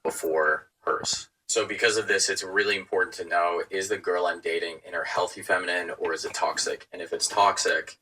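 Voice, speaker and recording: A man giving dating advice in a played clip, in a steady lecturing way. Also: sits low, normal speed, few pauses, slightly rough, recorded from a distance, low-quality recording.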